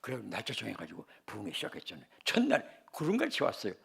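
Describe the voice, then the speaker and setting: An older man from the Chungcheong region, a senior pastor, preaching a sermon in an animated way and telling humorous personal stories. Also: on the low side, fast talker, gravelly, husky. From Chungcheong, South Korea.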